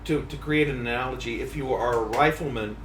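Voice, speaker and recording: A man's voice: medium pitch, fairly quick, a bit bright. Guy chatting about fishing gear, lots of ums, sounds a bit far from the mic, echoey, faint background hum. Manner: thoughtful, many ums and restarts. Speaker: podcast host, fishing editor. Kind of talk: casual chat about fishing tackle. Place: fishing trade show. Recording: roomy, off-mic, faint hall ambience.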